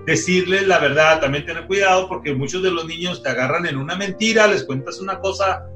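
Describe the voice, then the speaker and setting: A man co-hosting a talk show, his voice high and bright as he tells a story. He talks in an animated way and acts out the dialogue he quotes. Faint music plays behind him. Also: a little fast, echoey room. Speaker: co-host.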